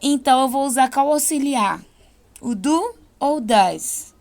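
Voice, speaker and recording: Brazilian lady english teacher, fairly high voice, patient, slows way down for examples. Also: lively intonation, a little mellow. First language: Portuguese. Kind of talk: online class lesson.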